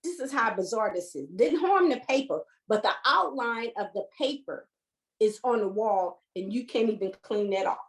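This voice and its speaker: A woman tells a true story from her work at a substation, speaking to an online audience over a video call. She is animated and laughs between lines, and she acts out what she said at the time. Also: medium pitch, moderate pace, poor audio. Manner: animated storytelling, laughing at times, acting out her own past words. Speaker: transit substation worker. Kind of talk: personal story at a virtual event.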